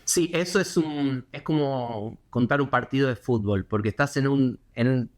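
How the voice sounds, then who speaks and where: An Argentine correspondent with a Buenos Aires Spanish accent answers interview questions in a medium-pitched voice. He is reflective and halting, using many fillers and restarting often.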